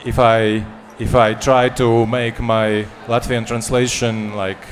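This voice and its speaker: A man's voice: mid-range voice, flat delivery, takes it slowly, slight background noise. A man who is a poet and translator answering a panel question, hesitant and full of fillers, with dry humor. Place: panel session at a book fair.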